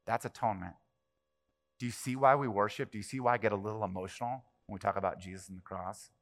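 A man's voice: on the low side, steady tone, fast. A pastor preaching a sermon to his congregation, talking in a conversational way and often checking in with his listeners. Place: church sanctuary. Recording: long reverb of a large hall.

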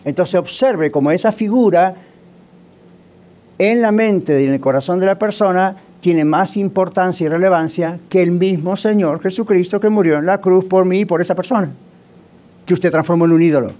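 A man's voice: sits high, normal speed, warm tone. A male pastor preaching a sermon in a conversational way, often asking the congregation rhetorical questions.

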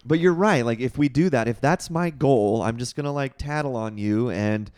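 Pastor guy hosting, smooth clear voice, upbeat sign-off vibe, dry sound. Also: medium pitch, moderate pace, darkish tone, dry recording. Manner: affirming, upbeat and wrapping up. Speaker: podcast host and pastor. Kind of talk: casual faith discussion.

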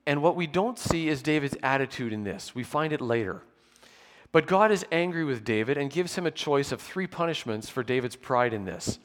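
A man's voice: medium pitch, lively intonation. Man preaching at a pulpit microphone. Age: 40s. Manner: measured, explanatory preaching with occasional dry humour. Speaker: pastor. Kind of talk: sermon. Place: church sanctuary with pews. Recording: long church hall reverb.

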